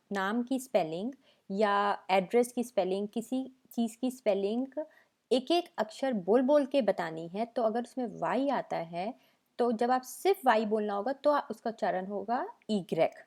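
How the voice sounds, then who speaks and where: A woman's voice: medium pitch, creaky, a little mellow. A young woman teaching French letters as a patient tutor, saying each sound twice. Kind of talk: slow language lesson narration.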